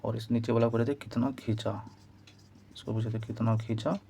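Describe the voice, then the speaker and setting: A man's voice: mid-range voice, level tone, fairly quick, vocal fry, dark tone, a little hiss or hum. A man teaching an exam-prep physics lesson, explaining step by step and repeating key points. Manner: repetitive, explaining step by step while writing.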